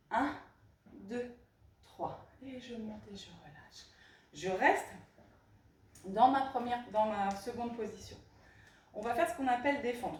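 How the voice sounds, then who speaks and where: Woman teaching pilates, counts reps slow and steady, echoey room, sounds far from the mic. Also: fairly high pitch. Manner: brisk counting and breathing cues. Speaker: pilates instructor. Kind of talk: guiding a live fitness class.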